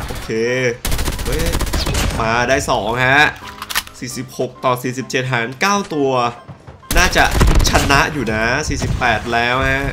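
A young man giving lively commentary while he plays a shooter game, breaking into excited exclamations. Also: mid-range voice. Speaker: gaming YouTuber. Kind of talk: live gameplay commentary. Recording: game music and gunfire behind.

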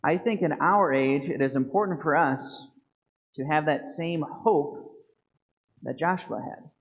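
Earnest priest preaching at a lectern. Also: male voice, a little high. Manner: earnest, measured preaching with slow emphatic stresses. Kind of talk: homily. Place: church sanctuary at a lectern. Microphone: fixed lectern microphone. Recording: dull lo-fi church video stream.

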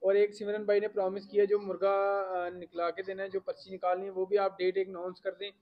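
A man's voice: high voice, completely flat delivery, a little fast. A man hosting a farm vlog, interviewing a breeder in a casual, eager way and repeating polite agreement often. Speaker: vlogger host interviewing a breeder. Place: outdoor poultry farm. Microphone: phone camera. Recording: muffled phone audio with roosters and people nearby.

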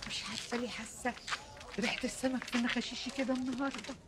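A middle-aged woman with an Egyptian accent playing a meddling, sharp-tongued aunt who scolds and complains theatrically in a TV drama. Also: on the high side, steady tone, very fast, heavy background noise, lightly acted. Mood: complaining. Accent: Egyptian Arabic. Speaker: aunt of two sisters. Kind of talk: TV drama acting.

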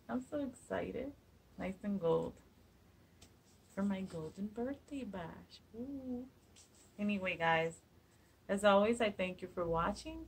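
The low-quality recording comes from a phone camera a few feet away, so this craft channel host sounds distant, with a little hiss or hum. She's in her forties, with a gravelly mid-range voice, chatting upbeat and casually, with plenty of fillers, through a DIY tutorial in her home kitchen.

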